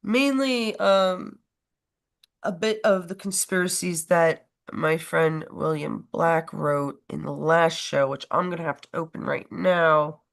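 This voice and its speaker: A woman with a low, creaky voice speaks slowly while co-hosting a casual political livestream chat. She's stuffed up from a cold, rambling, often laughing, and breaking off mid-sentence.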